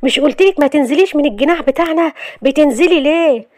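A woman's voice: high-pitched, fast talker, darkish tone, no room sound, clean studio sound, pitched above the performer's own voice, natural voice. Woman doing a stern, scolding jealous husband. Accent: Egyptian Arabic. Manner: commanding, scolding.

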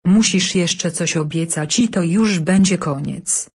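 A woman's voice: on the low side, measured pace, a little mellow, breathy edge. A woman voicing a young girl from a school primer who patiently teaches manners. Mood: instructive.

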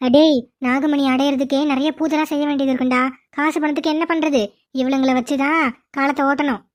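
A woman's voice: high voice, fairly even intonation, fairly quick, natural voice. A woman voicing a greedy, scheming middle-aged mother-in-law in a cartoon, with a bossy, scolding manner. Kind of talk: cartoon voice acting.

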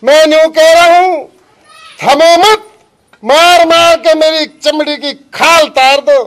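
A man's voice: extremely high pitch, expressive, normal speed, bright, forceful tone, no room sound, heavily acted. A man playing a blustering village police inspector. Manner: blustering, comic rustic banter. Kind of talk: comedy skit acting.

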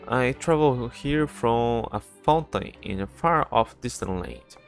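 A man's voice: mid-range voice, lively intonation, slow, vocal fry. A man reading the lines of a polite fairy-tale witch pleading for help, with faint game music behind.

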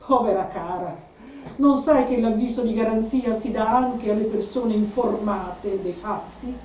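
A woman's voice: on the high side, a little slow, a little mellow, a little hiss or hum, close to an everyday voice. A woman reading aloud, voicing a cold, resentful grown man who speaks curtly, recorded in a roomy space from a distant mic.

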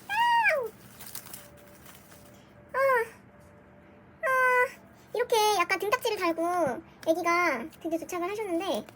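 A very high-pitched young woman chatting to camera in a dim room at home, gasping and squealing with delight as she unboxes. Faint background noise hums under her voice. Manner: gushing, excitable, gasps and squeals. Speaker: vlogger. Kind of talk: casual unboxing chat.

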